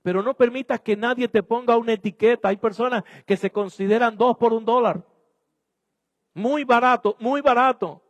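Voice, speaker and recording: Man, pastor, emphatic church sermon, high voice, long hall reverb. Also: lo-fi sound. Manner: emphatic, exhorting the congregation.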